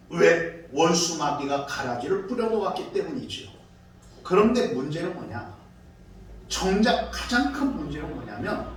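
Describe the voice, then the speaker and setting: A man preaching a sermon as pastor, telling stories in an animated way and acting out quoted voices. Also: fairly high pitch, a little hiss or hum. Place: church sanctuary. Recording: very echoey hall, far from mic.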